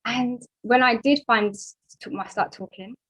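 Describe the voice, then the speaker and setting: A middle-aged woman giving a motivational talk to an audience, telling her story in a lively way, acting out the voices she quotes and asking the room questions. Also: fairly high pitch, normal speed, low-quality recording. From United Kingdom. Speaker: guest speaker.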